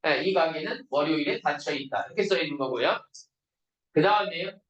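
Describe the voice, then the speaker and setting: A man teaching an English grammar class, constantly checking in with students and reading example sentences slowly. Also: a little high, a bit bright, muffled recording. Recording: roomy, distant classroom recording.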